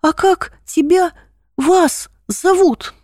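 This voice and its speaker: A woman's voice: very high-pitched, very slow, a little mellow, no echo, studio quality, voice pushed up, full character voice. A woman voicing a tall, broad-shouldered male seminarian who is confident, friendly and reassuring.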